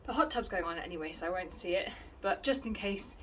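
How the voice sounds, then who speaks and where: A woman's voice: lowish voice, animated, quick pace, fairly bright tone, a little hiss or hum, rough recording. A woman chatting practically through a DIY vlog as she works on her garden deck, with self-deprecating asides. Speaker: DIY vlogger. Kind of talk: casual vlog narration while working.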